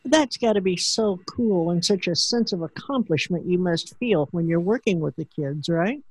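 A woman's voice: on the low side, lively intonation, moderate pace, husky, dry recording. A woman hosting an interview who asks upbeat questions and pays her guest compliments. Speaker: interview host.

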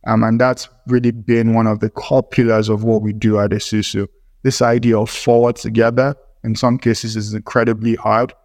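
A man's voice: on the low side, little pitch movement, moderate pace, darkish tone, no echo, clean studio sound. A man speaking as a startup co-founder in an interview, explaining earnestly in formal, aphoristic wording.

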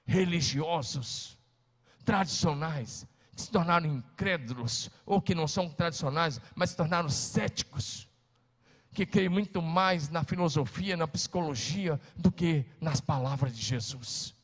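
Male pastor, emphatic sermon delivery, higher voice, long church-hall reverb. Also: unhurried. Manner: emphatic, swings between loud and hushed, calls on listeners to repeat.

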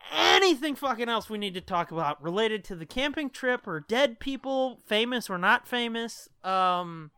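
A male podcast co-host chats casually, cracking dark, irreverent jokes and swearing freely. His voice is extremely high, animated and smooth at a normal speed, with no room sound.

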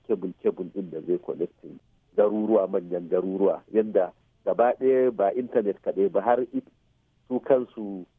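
His voice is fairly low with a breathy edge, captured dry and muffled as if over a phone on the radio. A Hausa-accented Nigerian expert guest, he explains things using English technical words and checks understanding through quick tag questions.

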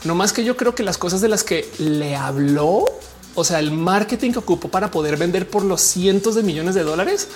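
Slangy low-voiced Mexican woman. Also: expressive, normal speed, a little mellow, faint music behind. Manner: slangy, rambling with many fillers. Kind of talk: casual commentary to viewers.

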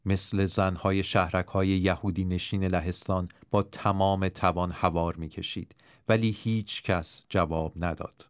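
Low-voiced man narrating a story. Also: smooth, no room sound. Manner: measured, steady reading. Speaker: audiobook narrator. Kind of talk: scripted first-person story narration.

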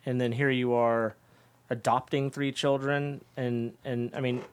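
A man co-hosting a podcast interview, asking long, halting questions full of restarts. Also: mid-range voice, level tone, clean tone. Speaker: podcast co-host. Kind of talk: interview conversation.

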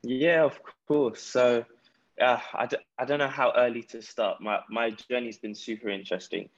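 A man's voice: medium pitch, steady tone, normal speed, lo-fi sound. A man with a South London accent telling his own story conversationally as an interview guest. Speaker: podcast guest, entrepreneur. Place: remote call from Ghana.

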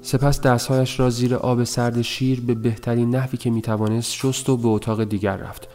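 A man reading a novel aloud as an audiobook narrator, in a measured, even storytelling manner. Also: mid-range voice, faint music behind.

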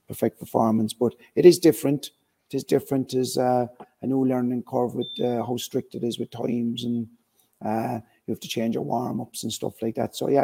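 A man's voice: medium pitch, vocal fry, dark tone, slightly rough. A man with a west of Ireland Kerry accent, giving a casual sports interview as a team manager, conversational and peppered with "you know" and "look". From County Kerry, Ireland.

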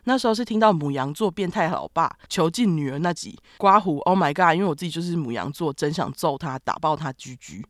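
A woman's voice: sits low, lively intonation, a little fast, hardly any pauses, no room sound, studio quality. A woman with a Taiwanese Mandarin accent co-hosting a casual podcast, telling stories animatedly and laughing often. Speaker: podcast co-host. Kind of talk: casual chat, reading listener comments.

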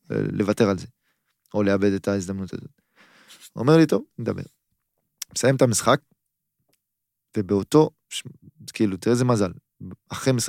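A man's voice: on the low side, vocal fry, darkish tone, no echo, clean studio sound. A man in his thirties, a footballer guest on a podcast, telling a story casually and acting out both sides of his phone calls.

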